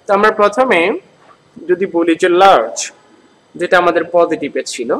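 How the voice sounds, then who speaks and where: A man from Bangladesh teaching an English grammar lesson in Bengali. He repeats words slowly and asks the class questions as he goes. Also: high voice, animated, a little hiss or hum, low-quality recording.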